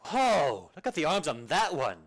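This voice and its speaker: A man voicing a cocky, eager young swordswoman with a loud, bouncy, bragging delivery. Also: on the high side, wildly swooping pitch, normal speed, voice pushed up, full character voice. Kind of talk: amateur video game fan dub.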